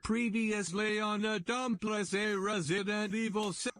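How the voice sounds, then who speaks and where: A synthetic text-to-speech male voice reading a recap announcement in a flat, evenly paced robotic manner. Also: high-pitched, a little slow.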